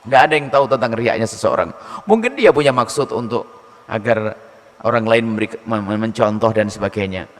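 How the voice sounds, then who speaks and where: A man preaching a sermon in a lively, teasing manner, acting out husbands and wives in his answer. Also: on the low side, fairly quick, long reverb tail.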